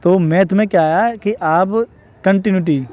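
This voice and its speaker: His voice is high-pitched and a little slow, with the highs cut off in the recording. A young man from northern India, he offers casual exam-preparation tips, going over points repeatedly and regularly using tag questions to make sure viewers are with him.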